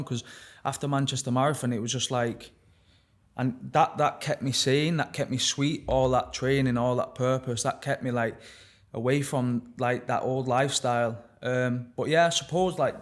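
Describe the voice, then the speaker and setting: A young man talking openly and reflectively as a podcast guest, halting often and swearing casually. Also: mid-range voice. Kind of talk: candid personal conversation.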